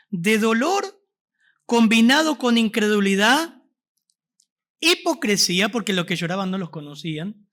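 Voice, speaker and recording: A man's voice: sits high, a bit bright. A man with an Argentine accent preaching a Sunday sermon as pastor, asking the congregation questions. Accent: Argentine Spanish. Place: church service.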